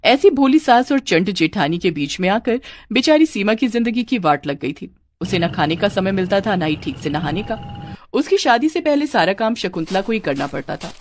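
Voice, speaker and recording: A woman narrating a cartoon family story in a plain, even storytelling voice. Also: mid-range voice, normal speed.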